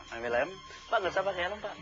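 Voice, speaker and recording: Animated man retelling a tense scene. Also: high-pitched, fast talker. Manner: animated, acts out the dialogue he retells. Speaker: neighbor witness. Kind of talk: recounting events in an interview. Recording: dull lo-fi TV audio with music. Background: music.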